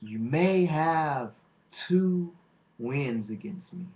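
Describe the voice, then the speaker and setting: Slow, deliberate man cutting a wrestling promo. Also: a little high, expressive. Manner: boastful, taunting, deliberate dramatic pauses. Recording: dull lo-fi microphone recording.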